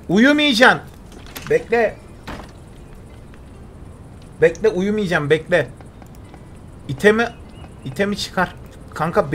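A young streamer with a high, somewhat bright voice is recorded with a bit of hiss or hum. He provides live survival-game commentary in a chatty way, talking to himself and thanking the viewers whose messages he reads out.

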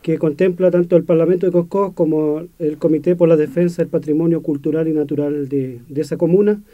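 A man, a community representative, explaining his organization in halting phrases with self-corrections. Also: a little high, fairly even intonation. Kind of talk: radio interview answer. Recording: dull lo-fi sound.

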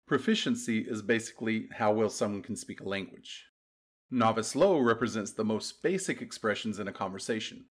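A man teaching a beginners' language class, giving clear, patient step-by-step directions in a scripted voice-over. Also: on the low side, brisk. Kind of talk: scripted instructional narration.

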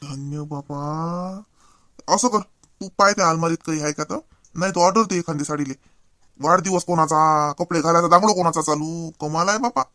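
A man playing an exasperated young husband with a Varhadi Marathi accent in a cartoon, scolding and quick. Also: fairly high pitch, sharp tone, no room sound, studio quality.

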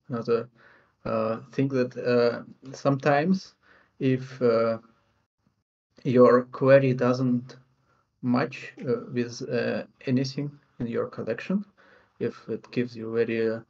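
A man on a video-call panel, talking hesitantly about databases with many "uh" pauses. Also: mid-range voice, darkish tone. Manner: hesitant, many "uh" fillers and restarts. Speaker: panelist, vector database engineer. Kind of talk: technical panel discussion over video call. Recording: dull video-call audio.

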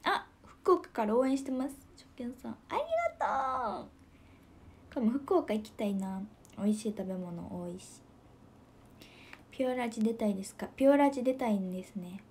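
A woman's voice: on the high side, animated, moderate pace. Giggly Kansai woman hosting a livestream. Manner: giggly, soft-spoken, often drops to a near whisper. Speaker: idol livestream host. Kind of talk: casual livestream chat reading viewer comments.

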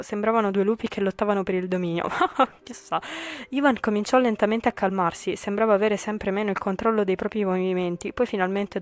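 A woman's voice: mid-range voice, darkish tone. A woman reading a visual novel aloud for viewers, with frequent slips, self-corrections and chatty asides. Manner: chatty asides with English swearing. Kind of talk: reading a game aloud with casual commentary.

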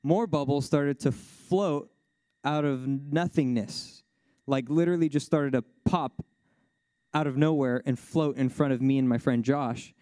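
A man gives a sermon testimony as a lively, casual story, his voice leaping high whenever the tale gets exciting. His tone is mellow and warm, recorded close and dry, with many easygoing fillers and bursts of laughter. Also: unhurried, dry recording. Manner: animated storyteller, voice jumps high when excited, laughs often; casual, fills speech with "like" and "you know". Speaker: worship speaker at a church service.

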